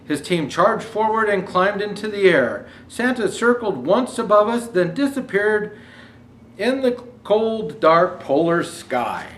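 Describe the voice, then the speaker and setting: In a high voice and at a slightly slow pace, a man narrates a Christmas story for children with a storyteller's expressiveness. He adds casual asides and lifts his voice for dialogue, against a roomy echo and faint noise in the background.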